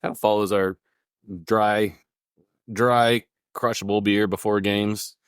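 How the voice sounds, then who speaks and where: A man's voice: lowish voice, level tone, slow pace, smooth, no echo, clean studio sound. A man, a brewer, chatting casually in anecdotes with a wry, joking manner.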